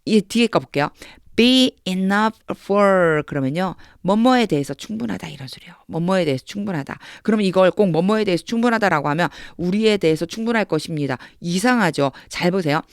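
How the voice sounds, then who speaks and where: A woman tutor giving a Bible-based English reading lesson. She explains patiently, reads English phrases slowly with stress, and acts out quoted lines with lively emphasis. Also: fairly low pitch, dry recording, clean studio sound.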